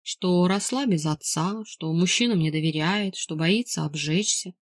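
A woman voicing a teasing, wise older father in an audiobook, speaking slowly with amusement. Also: fairly low pitch, dry recording, clean studio sound. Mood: serious.

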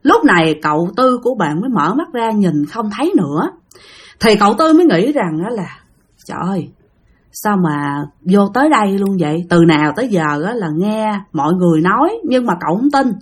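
Husky woman telling ghost stories. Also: mid-range voice, big pitch swings, fairly quick. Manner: chatty, addresses listeners directly. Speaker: storyteller. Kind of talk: ghost story narration.

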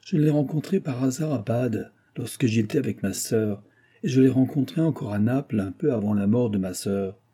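A man's voice: medium pitch, moderate pace, warm tone, slightly rough, close to an everyday voice. A man reading aloud, voicing a cold and bitter middle-aged woman with a hard, cutting voice. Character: cold, harsh middle-aged woman under a false name.

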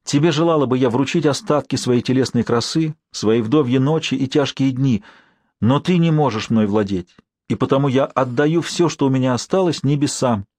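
A man's voice: mid-range voice, moderate pace, a little mellow, no room sound, lightly acted. A man voicing a young noblewoman in an audiobook, earnest and yearning as she speaks of heavenly love. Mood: tender. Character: young noblewoman, tender, devout, lovesick.

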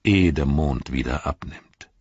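An ancient wizard, calm and commanding, as a male narrator puts him on, speaking in a very deep, lowered voice with a husky edge. His words come grave and measured, like a riddle spoken slowly. The audiobook sound is dull and lo-fi. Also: no room sound, full character voice. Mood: solemn.

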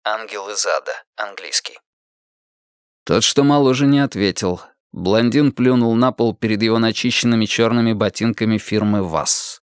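Low-voiced man narrating a thriller audiobook. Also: moderate pace, few pauses, clear, resonant tone, dry recording, clean studio sound.

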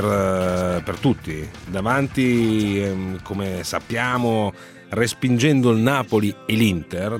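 A man presenting a sports radio show conversationally, with halting, searching phrases and dramatic emphasis. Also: on the low side. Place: radio studio.

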